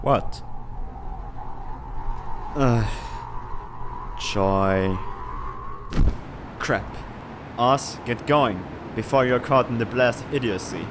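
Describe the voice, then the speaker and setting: A man with a mid-range voice plays an earnest, responsible, tech-savvy teenage student in a comic fan dub, measured, slightly formal, and exasperated in delivery. The mood is exasperated and urgent, against a noisy background.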